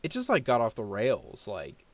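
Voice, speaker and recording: This man's voice is on the low side with huge pitch swings, at normal speed and with a dry recording quality. As a game streamer, he rants casually and swears in exasperation over his gameplay while game music plays underneath.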